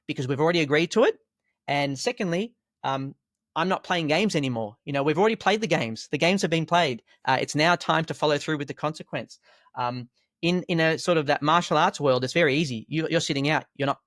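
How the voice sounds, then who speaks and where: Calm, animated teacher man, dry sound. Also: a little high, no echo. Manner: calm, storytelling, animated emphasis with rhetorical questions. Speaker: school teacher and martial arts instructor. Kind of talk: conversational podcast explanation.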